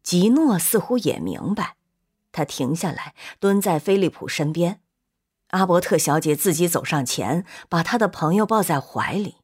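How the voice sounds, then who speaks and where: A woman reads a literary novel aloud at an even, measured pace. Her voice sits on the lower side, calm and steady, carrying the scene without rush. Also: breathy edge. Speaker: narrator. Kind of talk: scripted audiobook narration.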